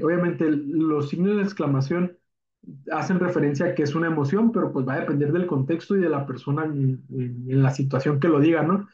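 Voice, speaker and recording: A man teaches punctuation in a casual, rambling way and keeps checking in with tag questions. His voice is slightly high and mellow. The recording is dull and echoey, like a classroom. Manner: informal and chatty, with many "eh" fillers and tag questions. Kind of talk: recorded spelling and punctuation lesson.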